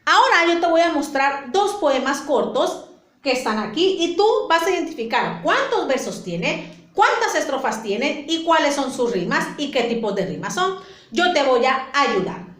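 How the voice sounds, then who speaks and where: A woman's voice: high voice, sing-song, moderate pace, a bit bright, reverberant. A woman with a Mexican accent teaching children a lesson, patient and explaining step by step. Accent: Mexican Spanish. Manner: patient, explains step by step, repeats points with diminutives.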